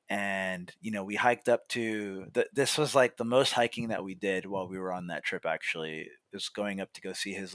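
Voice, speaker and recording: Guesting on a podcast, a young coffee roaster from Monrovia, California, spins casual, talkative stories sprinkled with "like" and "you know." His voice is fairly low yet fairly bright, in a dry recording.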